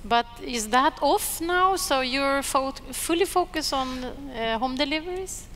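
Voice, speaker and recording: A woman moderating a conference panel, putting brisk questions to the panelists. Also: high-pitched, animated, a bit bright, soft background music. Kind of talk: panel discussion. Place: conference stage.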